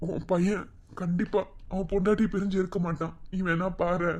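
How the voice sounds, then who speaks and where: A man with a Madurai Tamil accent voicing a young husband in a cartoon, who soothes his wife and his mother in a soft, reassuring way. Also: sits high, little pitch movement, moderate pace, close to an everyday voice. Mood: soothing. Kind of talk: cartoon voice acting.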